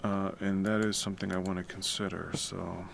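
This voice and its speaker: A fairly quick, creaky deep baritone fills this late-night home stream, where a man works on music composition and rambles casually. He's relaxed, swears now and then, and talks quietly to keep the noise down. Background noise with typing is clearly present.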